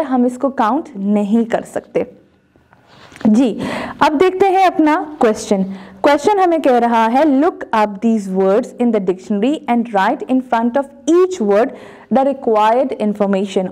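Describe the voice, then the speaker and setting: A woman teaching a recorded textbook lesson, explaining each step slowly and carefully. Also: high-pitched, a little mellow. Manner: slow, carefully spelled-out explanations.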